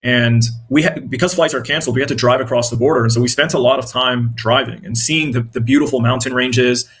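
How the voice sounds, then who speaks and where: A man with a medium-pitched, steady, slightly bright and husky voice talks fast with an American accent. Born in Iraq and raised in the United States, he is an independent journalist and content creator answering interview questions conversationally and explaining things earnestly.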